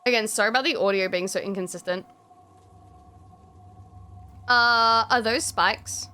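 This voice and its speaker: A young woman streaming a game, reading the visual novel text aloud with animated, expressive delivery and frequent swearing. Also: a little high, unhurried, a little hiss or hum.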